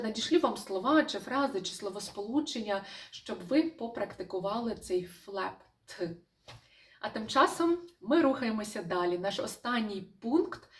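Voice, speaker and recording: Lively woman teaching pronunciation. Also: mid-range voice, recorded from a distance. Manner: lively, demonstrates words slowly and repeats them. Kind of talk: online pronunciation lesson.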